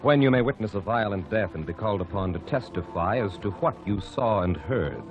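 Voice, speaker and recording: Male vintage radio announcer, portentous and deliberate; muffled sound, faint organ behind. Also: on the low side, expressive. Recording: dull old radio broadcast with organ.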